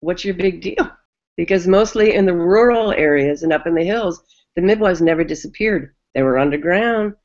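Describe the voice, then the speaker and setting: An older American woman, a midwife, telling the oral history of her craft in an animated way, full of restarts. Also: lowish voice, normal speed, highs cut off. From United States. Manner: animated, acts out quoted voices, many restarts.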